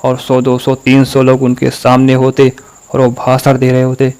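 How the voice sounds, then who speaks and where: A man delivering a motivational talk with a gravelly edge to his voice. His pitch stays very flat even as he speaks straight to the listener, acting out examples to press his points home. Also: normal speed, poor audio. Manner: speaks directly to the viewer, dramatizing examples.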